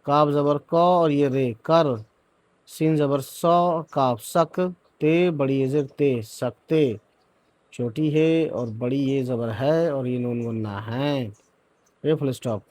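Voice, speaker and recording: A man's voice: mid-range voice, takes it slowly, a little mellow, no room sound. A man teaching beginners to read, spelling each word out sound by sound and then joining the sounds, often checking in with short asides. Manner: spells words out syllable by syllable, then joins them; checks in with "theek hai" and "hai na". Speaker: Urdu reading teacher. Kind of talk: letter-by-letter reading lesson.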